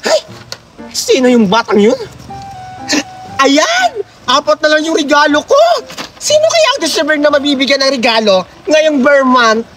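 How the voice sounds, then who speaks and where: A woman playing a bossy middle-aged woman who hands out Christmas gifts and scolds the children loudly. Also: high-pitched, sing-song, a little slow, faint music behind, full character voice. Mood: scolding. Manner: scolding, shouty.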